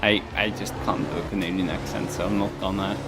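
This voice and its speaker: A man's voice: deep voice, fairly even intonation, fast. Rambling male streamer over game music. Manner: rambling, self-mocking, trailing off. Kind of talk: casual chat while gaming. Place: at home.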